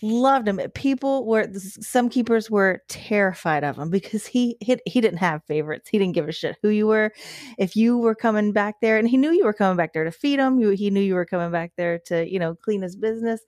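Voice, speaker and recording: A woman from Florida, a former zookeeper, chatting casually and bluntly with lots of swearing, halting restarts and frequent laughter. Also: medium pitch, animated, darkish tone, no echo, clean studio sound. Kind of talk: casual chat.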